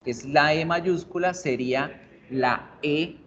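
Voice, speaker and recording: A man's voice: on the high side, fairly bright tone. A man teaches English pronunciation in an online class. He explains patiently and drills each word again and again. The recording sounds a little dull, with a faint hiss underneath. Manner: explains slowly, repeats words over and over for drilling.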